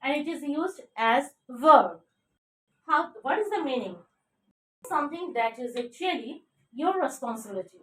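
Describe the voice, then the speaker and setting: A woman teaches an English vocabulary lesson, spelling words out letter by letter and often checking in with "okay?". Her voice is high-pitched and animated at a moderate pace, recorded in an echoey room a bit far from the mic.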